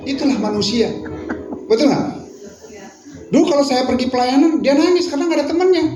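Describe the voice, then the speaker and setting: A middle-aged male pastor delivers an impassioned sermon in a roomy, echoing hall. Clear music plays steadily beneath his voice. He moves between fervent, raised appeals and hushed reflection. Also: extremely high pitch, a little fast. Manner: impassioned, swings from loud appeals to quiet reflection. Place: prayer meeting hall. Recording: echoey hall with music behind.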